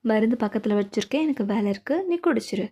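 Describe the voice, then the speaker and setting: Woman doing a stern young husband, lowers her voice, short cool lines, fan dub feel. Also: fast talker, warm tone, husky. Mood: curt. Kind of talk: Tamil fan dub of a drama.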